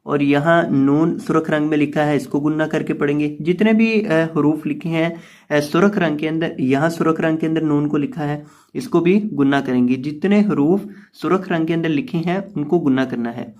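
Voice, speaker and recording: Male Quran reading teacher with a Pakistani Urdu accent and a somewhat high voice; patient, spells out letters and stretches each syllable. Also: steady tone, darkish tone. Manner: patient, repetitive explaining, stretches recited syllables slowly. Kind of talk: slow tajweed lesson, spelling out letters and drawing out syllables.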